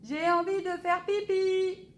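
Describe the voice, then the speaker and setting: A woman voicing a demanding little boy who will not go to sleep, calling out loudly. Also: fairly even intonation, slow, a little hiss or hum. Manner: shouting calls, high and insistent.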